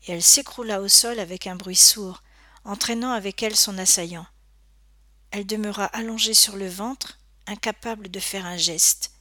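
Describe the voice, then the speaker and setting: A woman narrating a children's adventure story aloud, with expressive storytelling that rises for suspense. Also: medium pitch, moderate pace, no echo. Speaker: audiobook narrator.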